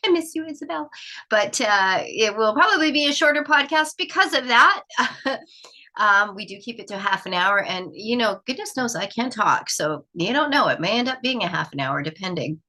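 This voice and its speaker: A woman's voice: medium pitch, expressive, normal speed, bright, forceful tone. A woman hosting a solo podcast, sounding nasal from allergies, musing aloud in a reflective, questioning way. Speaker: podcast host.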